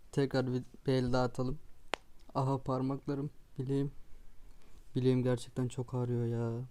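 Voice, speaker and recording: A man giving excitable live commentary on a mobile game, swearing and flaring up in frustration as he plays. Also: medium pitch, a little slow, pauses often, slight background noise. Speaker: mobile gaming YouTuber. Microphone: phone recording gameplay.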